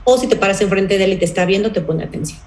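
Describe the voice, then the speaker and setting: A woman's voice: medium pitch, rapid-fire, a little mellow, roomy sound, low-quality recording. A woman leading a parenting workshop, explaining patiently and often checking in with her listeners. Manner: explanatory, asks the audience rhetorical checks like "¿sí?" and "¿bien?".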